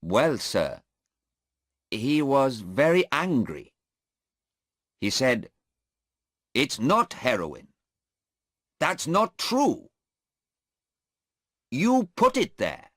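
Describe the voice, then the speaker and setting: A man's voice: mid-range voice, sing-song, extremely slow, pauses often, no room sound, clean studio sound, pitched above the performer's own voice, heavily acted. A man voicing a hesitant, deferential male airport policeman in a story read aloud, testifying in court. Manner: hesitant and deferential, says sir.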